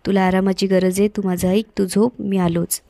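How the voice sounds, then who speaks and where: A calm, caring young husband from a TV serial who soothes his frightened wife, read out by a woman narrator. The delivery is even and flat, with a warm, low-key tone. The recording is dry and close. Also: normal speed, creaky, no echo, close to an everyday voice. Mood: soothing.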